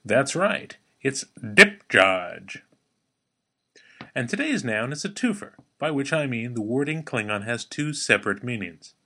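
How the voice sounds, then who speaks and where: A man hosts a scripted language lesson with an animated, swooping delivery. His tone is playful and wry, full of dry asides to the listener. When he models a sound, he slows right down and speaks carefully. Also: mid-range voice, husky. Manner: slows down to spell out and model pronunciation. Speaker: podcast host teaching a language.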